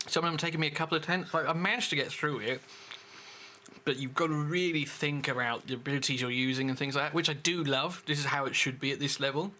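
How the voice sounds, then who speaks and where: A man's voice: fairly high pitch, fast, pushed and bright. A man streaming a game, chatting casually with viewers and answering their questions as he plays. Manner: chatty, reads and answers chat while playing. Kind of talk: casual gaming livestream commentary.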